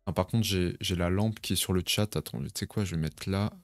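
Young male streamer, rambling and chatty at home, slightly low voice, dry close mic, faint music behind. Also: brisk, dry recording. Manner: rambling, chatty, talks to viewers in chat. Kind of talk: casual live stream chat. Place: home bedroom.

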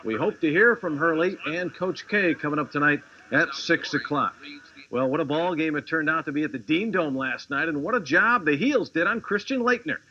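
A man's voice: a little high, pushed and bright. A man in his thirties anchoring a TV news sports segment in a studio, reading with a few fillers. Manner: brisk scripted delivery with small fillers. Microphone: studio mic, on camera. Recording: dull lo-fi 1990s TV broadcast.

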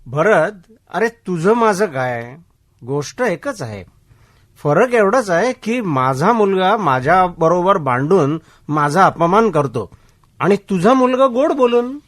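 A man's voice: sits high, very animated, slow, a bit bright, full character voice. An actor playing an elderly man who speaks bluntly and lectures his friend about neglectful children. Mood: bitter. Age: older. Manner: blunt, lecturing, plain-spoken. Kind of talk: radio drama acting.

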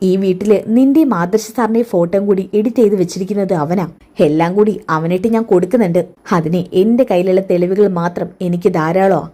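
A woman's voice: mid-range voice, fast, warm tone, natural voice. A woman doing a firm determined young friend. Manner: firm, resolute.

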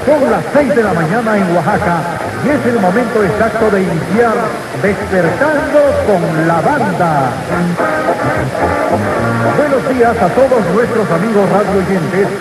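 A man announcing on the radio in a formal, drawn-out manner, heard as a faint, fading broadcast picked up from a distant AM station. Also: high-pitched, expressive, roomy sound, over loud music. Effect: faint, fading distant AM radio reception.

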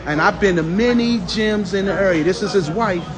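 An upbeat man hosts a casual on-site interview in a boxing gym, recorded on a phone. His voice sits somewhat high for a man, and people can be heard behind him. He keeps things moving with short affirmations. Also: normal speed, a crowd in the background. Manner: upbeat, repeats "yes, indeed". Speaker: host interviewer.

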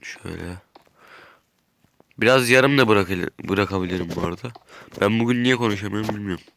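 A man's voice: fairly low pitch, a little fast, vocal fry, fairly bright tone, slight background noise. A man with a stuffy nose chatting casually as he narrates his game while building, thinking aloud. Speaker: gaming YouTuber. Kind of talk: casual gameplay commentary.

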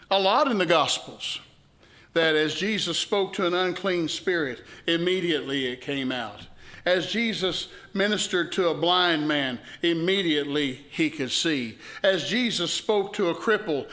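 High-voiced, slow Southern preacher. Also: male voice. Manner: storytelling preacher, builds to loud emphatic peaks. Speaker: pastor. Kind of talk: sermon. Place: church sanctuary. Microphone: live-stream microphone.

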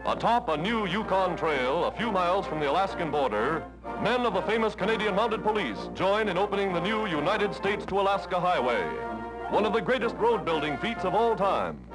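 A man narrating a 1940s newsreel in a brisk, emphatic announcing style. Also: sits high, lively intonation, rough recording. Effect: old newsreel. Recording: old 1940s newsreel soundtrack with loud music. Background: loud brass music.

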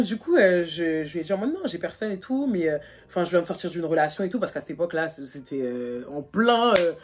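A young woman from France, telling a casual storytime to her vlog audience in animated, slangy talk full of fillers. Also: fairly low pitch, slightly rough. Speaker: vlogger. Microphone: phone.

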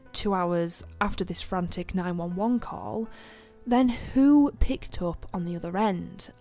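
A woman tells a true crime case on her podcast in a loose, conversational way. She is chatty and opinionated, filling her talk with ums, asides and blunt verdicts, and her voice sits at an ordinary middle pitch. Faint music plays quietly behind her. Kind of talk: casual true crime storytelling.

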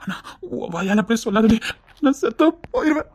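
A woman plays a desperate, tender husband in a tearful melodrama, with a Tirunelveli Tamil accent. The voice is husky and pitched high, and the words rush out in stammered, repeated reassurances. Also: animated, fairly quick, a little mellow. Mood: pleading, desperate.

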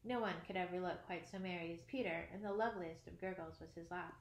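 A woman's voice: on the low side, quick pace. Woman narrating a storybook expressively, with casual asides, in a roomy echo. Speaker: audiobook reader. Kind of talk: storybook read-aloud narration.

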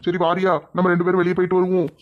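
A man's voice: high voice, monotone, very fast, natural voice. A man voicing an affectionate young husband, coaxing. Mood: fond. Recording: dull lo-fi recording.

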